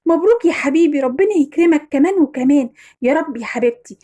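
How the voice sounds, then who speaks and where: A woman's voice: high voice, animated, fast talker, dark tone. A woman with an Egyptian accent voicing an indulgent wife and mother who coaxes her husband.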